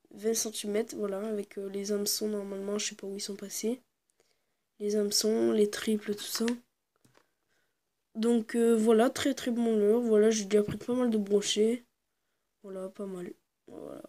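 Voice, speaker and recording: A woman casually presenting her fishing lures to the camera, hesitant and full of fillers, sometimes dropping into quiet asides. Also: mid-range voice. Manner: hesitant, constant fillers and "voilà"; drops into quiet muttered asides. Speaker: fishing video maker.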